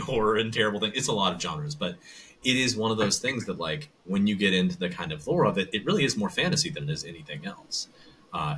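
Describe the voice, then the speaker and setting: A man with a very low yet bright, forceful voice chats quickly as a podcast guest, rambling and poking fun at himself. He sounds a little far from the mic, with faint noise behind him. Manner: rambling, jokey and self-deprecating, with many fillers. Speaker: podcast guest, voice actor and audiobook narrator. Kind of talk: casual podcast conversation.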